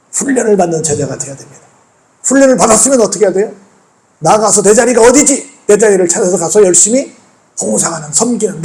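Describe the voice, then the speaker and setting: Man, pastor, sermon in church, high-pitched, conversational, rhetorical questions. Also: a little mellow.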